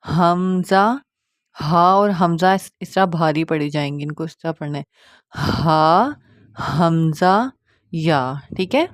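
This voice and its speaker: A woman teaching Quran recitation in an online lesson, patient and reassuring, often checking that the listener follows and drawing out each letter sound slowly with stress. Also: lowish voice, a little mellow, no room sound, studio quality.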